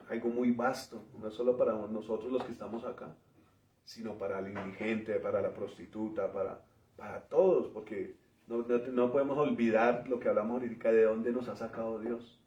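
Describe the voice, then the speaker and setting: A man preaching a teaching sermon, explaining word meanings in a measured way and often ending phrases with a questioning tag. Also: lowish voice, steady tone, warm tone, slight background noise. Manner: pauses and restarts while working through word meanings. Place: church. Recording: roomy, distant, dull church recording.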